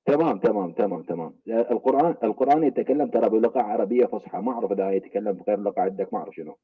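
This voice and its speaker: A man argues back defensively as a caller in a debate. His voice is husky and rushed, and it sounds distant through a dull, muffled line. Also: on the low side. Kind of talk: arguing on a live debate call.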